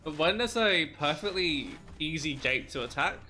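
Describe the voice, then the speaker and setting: A man's voice: a little high, expressive, normal speed, bright, forceful tone. A man commentating a live strategy game match, breaking down plays analytically and laughing often. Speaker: esports caster.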